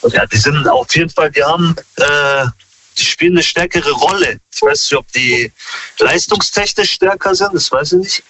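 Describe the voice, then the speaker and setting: Bright-voiced man in his thirties, slangy. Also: fairly high pitch, moderate pace, dry recording, low-quality recording. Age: 30s. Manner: relaxed slangy speech with many fillers. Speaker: interviewee. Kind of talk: casual street interview.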